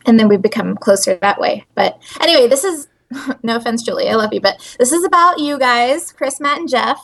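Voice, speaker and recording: Woman guest calling in, bubbly, chatty, laughs a lot, slightly high pitch. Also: animated, brisk, gravelly, fairly bright tone. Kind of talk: casual podcast chat. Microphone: call-in line over speakers.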